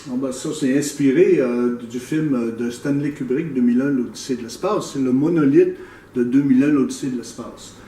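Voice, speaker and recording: A man who explains his painting thoughtfully and hesitantly, with many pauses. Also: mid-range voice, mellow, a little hiss or hum. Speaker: painter, interview guest. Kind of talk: casual explanation. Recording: echoey room, mic at a distance.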